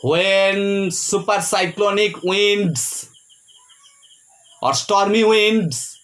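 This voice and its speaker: A man teaching a poem. He speaks with heavy emphasis, spells words out letter by letter and checks in with "Clear?". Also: sits high, drawn-out words, a bit bright. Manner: ends points with a rising "Clear?". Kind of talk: poetry lecture.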